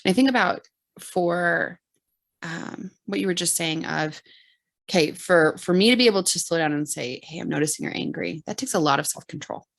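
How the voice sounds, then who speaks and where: A woman co-hosting a relationship podcast in casual conversation, talking in an animated, emphatic way with quick asides. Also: fairly low pitch. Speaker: podcast co-host, therapist.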